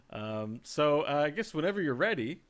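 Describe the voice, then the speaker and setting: A man's voice: fairly high pitch, fairly bright tone. A man hosting a casual livestreamed gaming podcast, rambling and joking as he draws out his setups. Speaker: podcast host.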